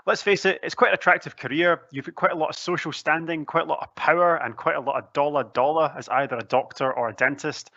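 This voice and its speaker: A man's voice: a little high, fast, few pauses, bright, forceful tone, no room sound, lo-fi sound. A young man with a broad Scottish accent giving a chatty, articulate, lightly humorous presentation into a headset. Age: young adult. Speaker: student recruitment officer giving a presentation. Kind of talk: conversational pre-recorded presentation. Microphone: headset, seen on webcam.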